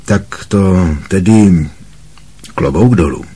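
A kind, middle-aged wizard teacher with a wry, gently amused calm, voiced by a man reading a storybook. The voice sits deep and carries a husky grain.

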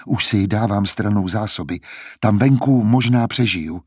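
A man's voice: fairly low pitch, slightly rough, no echo, studio quality. A man reading aloud, voicing a frightened young woman singer who is anxious and pleading. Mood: resolved.

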